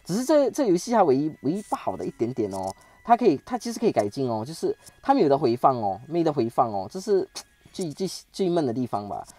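A man giving chatty, excitable commentary over a strategy game he is playing, stumbling and restarting as he talks. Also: fairly high pitch, fast, dry recording. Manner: chatty, excitable, with frequent sentence-final particles and stammered restarts. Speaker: game channel host. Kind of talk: casual gameplay commentary.

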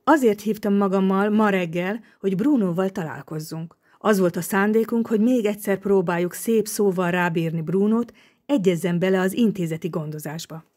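A woman narrating a detective novel audiobook in a steady, measured reading. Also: medium pitch. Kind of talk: scripted narration.

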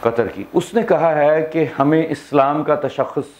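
A man's voice: a little high, unhurried, darkish tone. Emphatic man giving a workshop. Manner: emphatic, rhetorical questions, mixes English phrases into his talk. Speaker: workshop trainer. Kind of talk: workshop lecture. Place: university seminar hall.

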